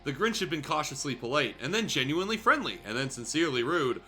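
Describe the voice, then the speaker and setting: A man guest-hosting a livestream performs a theatrical comic reading of fan fiction, full of irreverent swearing, over background music. His slightly high voice is fast, bright and forceful, with big pitch swings.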